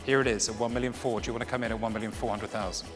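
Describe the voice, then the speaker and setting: A man's voice: medium pitch, steady tone, rapid-fire, music in the background. A man working as a fine art auctioneer in a saleroom, formally and courteously calling and repeating bids to the room. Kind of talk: live fine art auction bidding patter.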